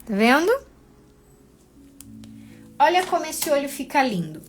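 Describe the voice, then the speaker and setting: A middle-aged woman leads a live painting lesson from her home studio. She speaks unhurriedly in a high voice, patient and encouraging, guiding students one small step at a time. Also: very animated, measured pace, faint music behind. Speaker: painting teacher.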